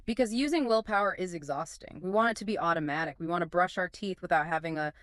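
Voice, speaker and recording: A woman's voice: on the low side, fast talker, fairly bright tone, no room sound, clean studio sound. A woman co-hosting an explanatory podcast who asks curious questions and sums up the key points. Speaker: podcast co-host.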